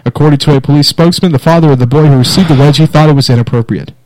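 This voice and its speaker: A man's voice: on the high side, very fast, darkish tone, slight background noise, low-quality recording. A man hosting a casual podcast, reading odd news stories in a wry, laughing way. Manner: wry, laughs through stories, mock newscaster delivery. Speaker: podcast host.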